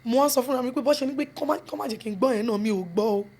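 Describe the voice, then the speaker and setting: A young Nigerian woman with a Yoruba accent, who works as a film producer and actress, gives earnest answers in an interview. Her voice is fairly high, quick, and a little mellow. She slips between English and Yoruba mid-sentence and repeats phrases for emphasis.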